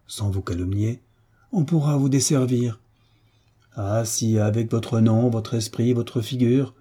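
A man's voice: mid-range voice, warm tone, slightly rough, close to an everyday voice. A man voicing an anxious, scheming aristocratic mother, a duchess, who exclaims and pleads indignantly. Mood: worried.

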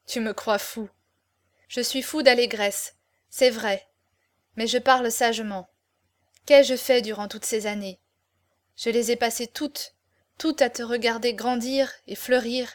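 A woman's voice: fairly high pitch, natural voice. A woman reading the part of an ardent young male swordsman in love, with impassioned declamation. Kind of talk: audiobook character reading.

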